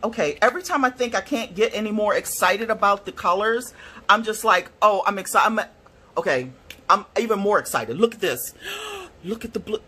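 A woman reviewing art supplies in a casual swatch video, gushing and excitable, gasping and squealing over the colors. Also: mid-range voice, brisk, husky. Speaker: product reviewer.

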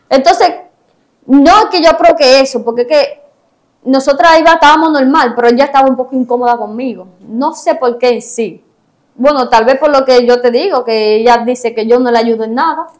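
Woman, high pitch, hesitant, repeats herself, casual interview. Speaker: guest.

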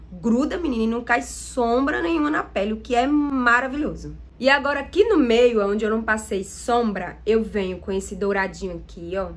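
Chatty Brazilian woman reviewing makeup. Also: fairly high pitch. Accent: Brazilian Portuguese. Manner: chatty and enthusiastic, addresses viewers directly. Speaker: makeup vlogger. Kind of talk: makeup tutorial and product review.

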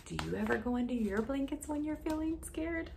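This is a high yet gravelly voice: a woman in her thirties who reads stories to young children and works as an educator. She takes a picture book slowly and deliberately, sing-song and expressive, pausing for hushed asides and questions to her listener. The recording comes from a small indoor room at home, with faint noise behind her.

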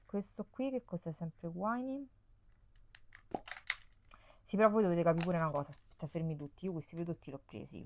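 Sitting on a bed at home, a young woman sorts through her makeup for a beauty vlog, talking casually and exclaiming a lot. Her lowish voice is a little mellow, and the camera mic, with her face off-screen, picks up no room sound.

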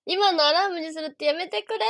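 A woman's voice: very high voice, a bit bright. A young woman with a Kansai accent hosting a casual livestream, chatting in a bubbly, giggly way and thanking viewers by name. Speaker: idol livestream host. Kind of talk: casual livestream chat reading viewer gifts.

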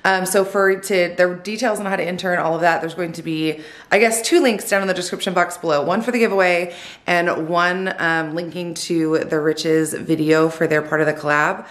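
Out of breath after running in, a middle-aged vlogger mom rambles chattily, full of ums, into a handheld camera as she moves from her car into a store for a family shopping video. Her lowish voice keeps a fairly even intonation at normal speed, with no echo.

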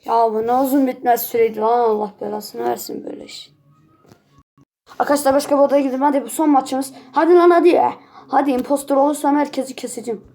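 Gravelly, excitable woman gaming streamer. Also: high-pitched, quick pace. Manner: excitable, swears and yells at the game. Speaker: gaming channel host. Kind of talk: casual gameplay commentary.

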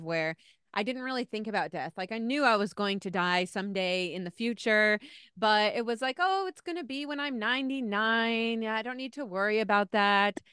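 Earnest woman in her thirties, very clear voice. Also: medium pitch, no echo, studio quality. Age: 30s. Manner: earnest, animated hand gestures. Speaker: guest, spiritual teacher and author. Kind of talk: personal storytelling in interview. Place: home room, video call. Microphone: handheld-style mic on stand, close.

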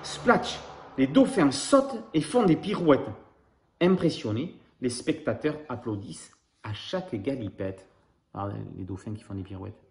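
A man's voice: mid-range voice, a little slow, a little hiss or hum. A man reading a picture book aloud to young children, talking to them directly and then quizzing them. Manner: animated, addresses children directly. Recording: roomy echoey room.

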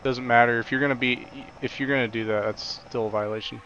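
A man's voice: mid-range voice, steady tone, quick pace, fairly bright tone, highs cut off, a little hiss or hum. A man hosting and commentating a sim racing league, blunt and often exasperated at the crashes. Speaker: race commentator and league host.

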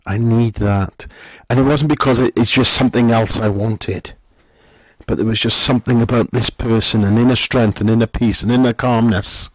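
A middle-aged man, a pastor, giving a gentle, conversational sermon full of questions to the listener. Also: mid-range voice, steady tone, moderate pace, no echo.

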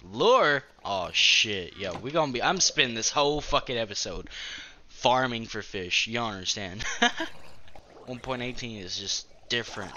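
A man giving casual gameplay commentary as host of his own gaming channel, excitable and profane, trash-talking and breaking into sudden yelps. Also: fairly low pitch, normal speed, slight background noise.

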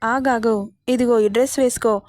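A woman's voice: a little high, fairly even intonation, normal speed, darkish tone, no room sound, clean studio sound, lightly acted. A woman reading the lines of an aunt-in-law who fusses over a bride and chatters worriedly to herself. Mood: fussing.

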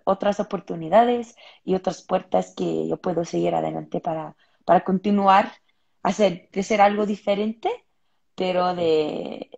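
A woman's voice: mid-range voice, creaky, darkish tone. A young woman from Los Angeles, a footballer answering interview questions on a video call from a room at home, thoughtful, with many fillers and restarts. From Los Angeles, United States. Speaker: footballer guest. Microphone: earbuds on a video call. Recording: muffled video call audio.

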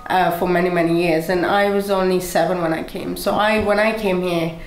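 A young Pakistani woman whose first language is Urdu, appearing as a guest and motivational speaker, tells an interviewer her life story with many fillers and restarts. Seated at a table in an indoor studio with a brick wall, she speaks a little fast in a fairly low, fairly even voice, captured with roomy, poor-quality audio and faint music behind.

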